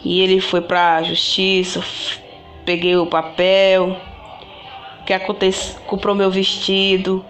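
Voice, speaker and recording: A woman's voice: mid-range voice, monotone, takes it slowly, a bit bright, faint music behind. Rambling woman telling her story. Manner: rambling and repetitive, often restarting and addressing viewers directly. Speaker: vlogger. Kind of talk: casual personal storytelling to viewers.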